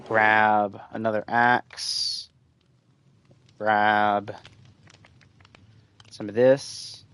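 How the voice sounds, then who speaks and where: A man with a fairly low voice gives rambling, casual commentary while he plays a game on stream. He chats loosely with viewers, calling them guys, and the sound is dry and close with no room echo. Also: level tone, extremely slow, fairly bright tone, clear, resonant tone. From United States. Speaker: gaming streamer.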